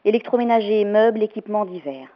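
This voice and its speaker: A woman leaving a recorded phone message, clearly reading out an appeal and a list of phone numbers. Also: medium pitch, expressive, quick pace. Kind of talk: message left on a phone answering line. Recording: dull lo-fi phone line.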